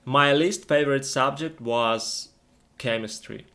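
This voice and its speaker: A man with a medium-pitched, sharp-toned voice speaks slowly while co-hosting an English lesson. He chats through questions and answers for learners, using short, simple, plainly worded sentences.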